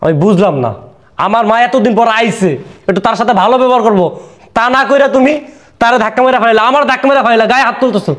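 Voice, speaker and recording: A fairly high, quick voice of a meek young husband, pleading and placating, as a man acts him out. He sounds eager to make peace. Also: fairly bright tone.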